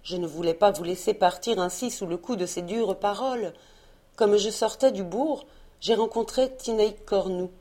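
A woman reading a brave gentle peasant girl. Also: medium pitch, moderate pace, lightly acted. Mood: earnest.

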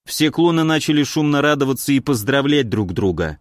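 A man narrating a fantasy audiobook in a steady, even storytelling manner. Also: medium pitch, fairly quick, no echo, studio quality.

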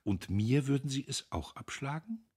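A man's voice: mid-range voice, lively intonation, moderate pace, darkish tone, breathy edge, voice pushed up. A man doing a coquettish young woman. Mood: teasing. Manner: teasing, lilting.

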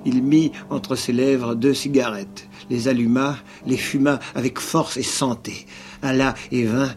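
A man reads a novel for a radio broadcast, and much of his narration drops to a near-whisper. His voice sits mid-pitch. Music plays clearly behind him on an archival recording. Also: a little mellow. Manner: narration dropping often to a low whisper, jealous outbursts in dialogue. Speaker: actor reading a novel aloud. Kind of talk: dramatized literary reading on radio.

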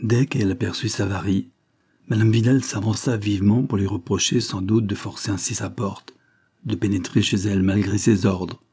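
A man narrating a classic novel as an audiobook in a measured, even way. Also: fairly low pitch, slightly rough.

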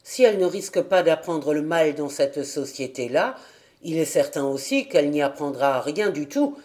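Measured, persuasive village pastor in a storybook reading; a narrator does him, calm and earnest. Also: medium pitch, close to an everyday voice. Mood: firm. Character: earnest village pastor, middle-aged man. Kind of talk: audiobook character reading.

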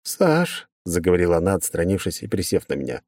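A man reading a first-person audiobook in a brisk, wry storytelling manner on a close mic. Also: deep voice, creaky, mellow, no room sound. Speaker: audiobook narrator.

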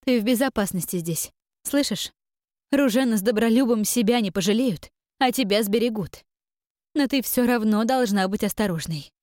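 A woman voicing a tender mother who gently and firmly comforts her frightened daughter. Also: fairly high pitch, moderate pace, no room sound, studio quality, voice pushed up, natural voice. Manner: soft, soothing, quietly firm.

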